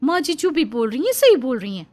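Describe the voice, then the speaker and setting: Woman doing a high fawning young daughter-in-law. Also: big pitch swings, a little fast, a little mellow, a little hiss or hum. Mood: eager. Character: young flattering daughter-in-law, always agreeing.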